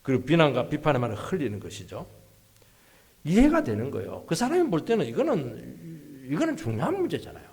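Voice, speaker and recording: A male pastor preaching a sermon, swinging between hushed asides and loud, emphatic rises, in a church sanctuary. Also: a little high, huge pitch swings, brisk, creaky, slightly rough.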